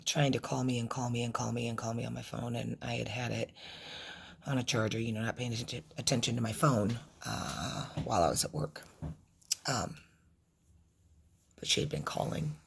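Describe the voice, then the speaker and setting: A middle-aged woman telling a personal story in a vlog, in a halting, emotional way with many restarts and trailing phrases. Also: very deep voice, creaky, a bit bright, slightly rough. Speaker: vlogger recounting a loss.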